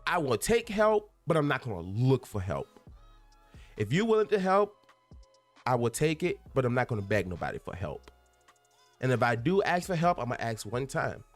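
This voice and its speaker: Recording alone in a room at home among packed boxes, a podcast host in his twenties talks earnestly and candidly, rambling, restarting and repeating things for emphasis, and breaking into bursts of laughter. He's very animated at a medium pitch and normal speed, with soft background music.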